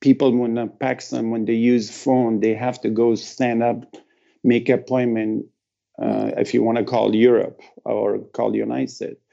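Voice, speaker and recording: A middle-aged man from Afghanistan recounts a personal story in an interview, speaking haltingly with broken phrasing and emotional pauses. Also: mid-range voice, level tone, creaky, dark tone, dull audio. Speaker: guest.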